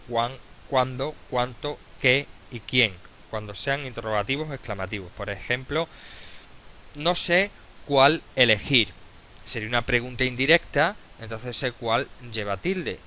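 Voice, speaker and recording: A man teaching a recorded video lesson, explaining slowly with many fillers and restarts. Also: medium pitch, pushed and bright, a little hiss or hum.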